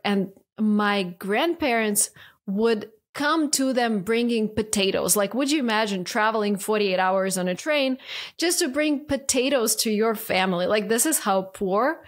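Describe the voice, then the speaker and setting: A Russian woman in her thirties speaks accented English as a guest on a casual podcast interview, medium-pitched and animated, with many fillers, likes and restarts. She records indoors at home in a study with bookshelves, using a studio mic on her desk and earbuds.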